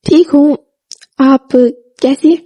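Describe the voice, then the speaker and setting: Woman voicing a calm, reserved elder sister. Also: sits high, very slow.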